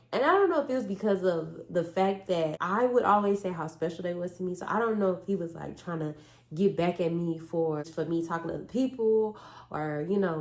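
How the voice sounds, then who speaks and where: A young woman vlogger shares a casual storytime chat, telling it bluntly and with animation. A cold has left her voice hoarse, raspy, and gravelly with fry, sitting a little low in pitch. She's in an echoey room.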